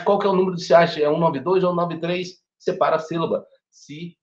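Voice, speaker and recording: A man with a Brazilian Portuguese accent leads a first aid lesson in an animated, chatty way, his voice sitting a little high. He keeps checking in with his listeners. The sound is dull and lo-fi, with a roomy echo. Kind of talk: online teacher training lecture. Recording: echoey room, dull lo-fi sound.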